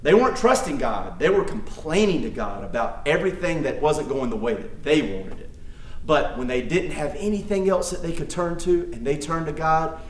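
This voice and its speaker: A man's voice: fairly high pitch, expressive, moderate pace, a little hiss or hum. A man teaching children a Bible story in a playful, dramatic way, speaking straight to the kids. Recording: echoey room.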